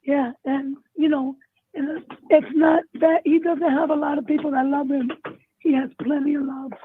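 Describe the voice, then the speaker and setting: A middle-aged woman with a hoarse, failing voice, a caller giving an emotional personal account in distress. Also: high-pitched, flat delivery, moderate pace. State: losing her voice, distressed. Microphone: phone call. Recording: tinny, narrow phone-line sound.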